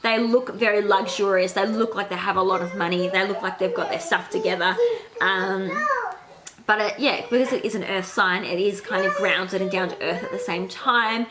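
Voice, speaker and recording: Her voice mid-range and her pace moderate, a woman in her thirties explains an astrology reading in a relaxed, filler-heavy way for her vlog. She has a cold that leaves her nasal, and the handheld camera picks up heavy background noise.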